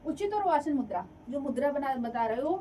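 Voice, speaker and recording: A woman with a high voice teaches an exam-prep lecture, repeating key points and checking that her listeners follow. She sounds a little distant from the mic, with a faint hiss of background noise. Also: brisk. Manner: lively, repeats and checks for understanding.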